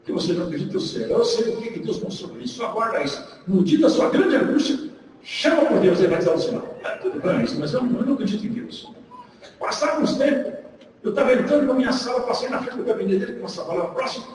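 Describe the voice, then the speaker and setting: A preacher with a Minas Gerais Brazilian accent delivers a sermon in a strikingly high voice that swoops and climbs. He tells a story with acted dialogue and shouts at its peaks. He is heard from far off in a big church hall with long reverb and clear background noise. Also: sing-song, fast talker. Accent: Brazilian Portuguese, Minas Gerais.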